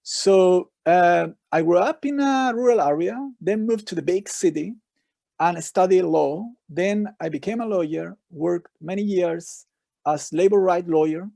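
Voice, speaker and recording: A man's voice: sits high, a little slow, vocal fry, mellow, no echo. A man from Chile with a Chilean Spanish accent, a researcher giving an earnest, reflective talk on a video call. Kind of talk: online talk.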